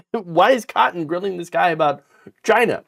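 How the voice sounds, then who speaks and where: A man hosting casual political commentary, sarcastic and animated, mocking politicians with put-on quotes. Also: high-pitched, moderate pace, vocal fry.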